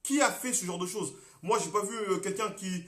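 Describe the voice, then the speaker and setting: Congolese activist guy ranting on a live stream, high voice, echoey room. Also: normal speed. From Congo (DRC). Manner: impassioned, repeats himself, swings between loud and quiet. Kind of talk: monologue on a Facebook live stream.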